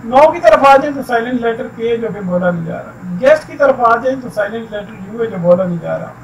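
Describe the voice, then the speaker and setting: A man teaching an English textbook lesson, explaining slowly and repeating words. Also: very high-pitched, animated. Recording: distant mic with faint background noise.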